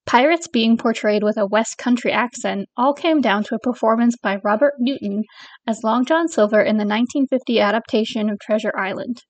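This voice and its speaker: Woman host with a bright, dry voice. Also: on the high side, no room sound. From northern England. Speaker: podcast host. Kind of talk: scripted podcast narration.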